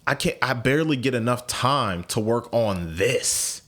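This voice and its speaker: Hosting his podcast in a relaxed chat, a US man in his late twenties thinks aloud, repeating and restarting often. He sounds animated and fairly bright, with a medium-pitched voice and a slightly slow pace.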